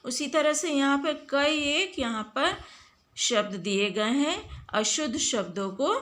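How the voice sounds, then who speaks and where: A woman teacher giving a spelling lesson, slowly stretching out words and asking her pupils questions. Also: high-pitched, lively intonation, fairly bright tone.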